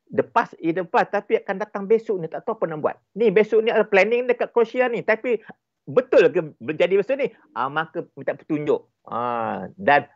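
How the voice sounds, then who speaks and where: A Malaysian man with a slightly high voice speaks as an interview guest, explaining his points with animated emphasis and lots of repetition. The sound is dry and a little dull. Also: a little fast, no room sound. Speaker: relationship expert guest.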